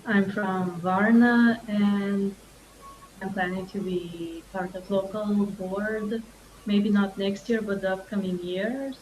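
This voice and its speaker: Slow-speaking woman from Bulgaria. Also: mid-range voice, steady tone, a little mellow. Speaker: meeting participant. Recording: echoey room, faint hiss.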